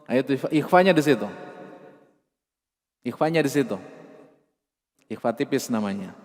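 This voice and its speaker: A man with an Indonesian accent teaching Quran recitation rules, patiently explaining and slowly chanting drawn-out example words. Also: medium pitch, animated, big-room sound, faint music behind. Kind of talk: tajwid lesson with chanted examples.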